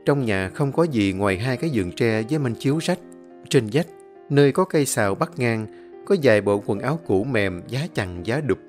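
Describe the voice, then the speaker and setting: A man narrates a folk story, his pitch moving a lot. His voice sits in a middle register. Faint instrumental music plays under him. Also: normal speed. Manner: expressive, varied storytelling.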